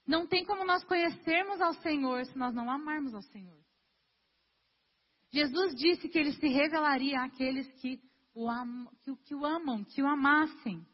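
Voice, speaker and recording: A woman's voice: sits high, normal speed. A young woman giving a sermon in an earnest, conversational way, talking straight to her congregation. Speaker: preacher. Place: church hall. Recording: dull lo-fi sound with long hall reverb.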